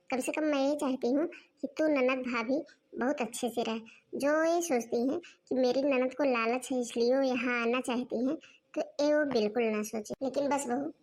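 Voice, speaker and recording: A woman's voice: high voice, darkish tone, natural voice. A woman voicing a bossy, scheming middle-aged mother-in-law who scolds her daughter-in-law in a cartoon. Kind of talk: cartoon dubbing.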